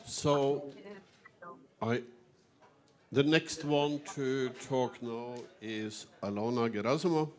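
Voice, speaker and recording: A man's voice: medium pitch, slow pace, pauses often. A man moderating a conference session, briefly and formally introducing the next speaker. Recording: voice distant from the mic.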